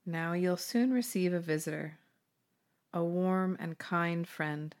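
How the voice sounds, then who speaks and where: A woman hosting a guided meditation, speaking slowly and soothingly with gentle pauses. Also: on the low side.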